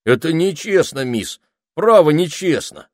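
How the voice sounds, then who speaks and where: A man's voice: fairly high pitch, big pitch swings, measured pace, no room sound, studio quality, pitched above the performer's own voice. A man voicing a boastful, sneaky male toad spy who whines and wheedles. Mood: aggrieved. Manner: whiny, wheedling, cocky.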